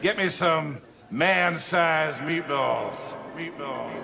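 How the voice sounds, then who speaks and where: Grumpy customer, super slow, gravelly, loud music behind. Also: male voice, a little high, reverberant, big-room sound, a crowd in the background, exaggerated voice. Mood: demanding.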